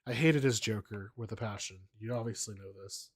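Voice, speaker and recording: A man with a lowish voice talks fairly quickly as he co-hosts a casual film podcast. He's opinionated in this laid-back chat and often hedges with "like."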